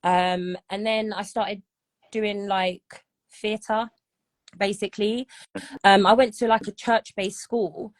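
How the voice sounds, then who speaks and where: A woman in her thirties, a singer appearing as a guest, talks casually in an interview and keeps asking "do you know what I mean?" Her voice sits in the mid range, and she speaks slowly with a flat delivery.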